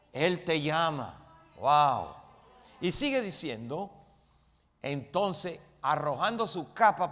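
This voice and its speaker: A pastor preaching a sermon to his congregation, with emphatic delivery that swells to loud peaks and calls for responses from the room. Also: on the high side. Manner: emphatic preaching, rising to loud dramatic peaks when retelling the story. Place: church sanctuary. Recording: long reverb of a church hall.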